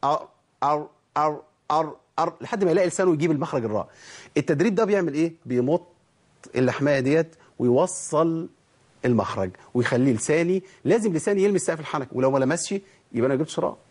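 Fast-talking Egyptian man teaching recitation. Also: on the high side, lively intonation, darkish tone, slightly rough. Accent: Egyptian Arabic. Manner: explains by asking himself questions and answering them. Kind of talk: spoken tajweed lesson.

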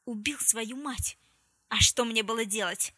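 A woman's voice: fairly high pitch, unhurried, pushed and bright, no room sound. A woman reading the part of a cruel, bitter young man who hisses his threats. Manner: menacing, hissing, bitter.

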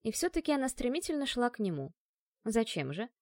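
A woman narrating a fantasy audiobook in an animated storytelling manner. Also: on the high side, brisk, no room sound. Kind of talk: expressive fantasy audiobook reading.

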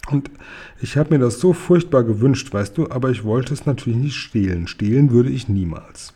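Guy reading as a big friendly giant, gentle, a bit sly, mangles words, soft low dark voice. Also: expressive, normal speed, slightly rough. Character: huge kind male giant, gentle and crafty.

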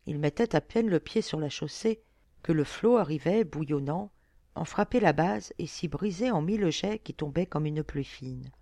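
A woman reading an audiobook aloud with expressive storytelling. Her pitch moves in a lively way, and the recording is close and dry. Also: normal speed, dry recording. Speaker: audiobook reader. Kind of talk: audiobook narration.

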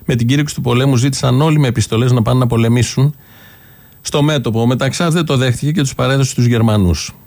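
A man narrating a documentary in a solemn, measured way. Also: medium pitch, a little mellow.

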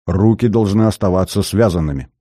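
Calm wry lieutenant, low dark voice, steady orders, read by a man. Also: a little fast, no echo, studio quality. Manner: level, commanding, wry. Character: calm young male lieutenant, dry commander.

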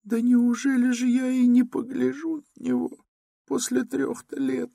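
A man reading an audiobook who voices an anxious, tearful elderly mother in a high, quavering, pleading voice. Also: takes it slowly, creaky, a little mellow, breathy edge, no echo, studio quality, full character voice. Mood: fearful.

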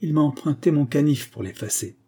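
A man's voice: fairly high pitch, brisk, vocal fry, breathy edge, voice pushed up, full character voice. A man playing a stiff, cold English schemer. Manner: curt, flat English tone turning angry.

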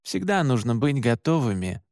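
A man's voice: medium pitch, big pitch swings, moderate pace, darkish tone, no room sound, clean studio sound, natural voice. A man voicing a terse young hunter brother. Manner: short, terse instructions.

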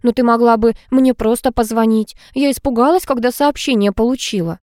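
A woman's voice: fairly high pitch, fairly quick, darkish tone, dry recording, studio quality, close to an everyday voice. A woman voicing a pushy, quarrelsome middle-aged housekeeper who fires off indignant questions in an audiobook. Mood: exclaiming.

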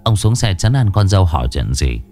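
Low-voiced man telling a ghost story. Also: sing-song, a little fast, warm tone. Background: faint background music.

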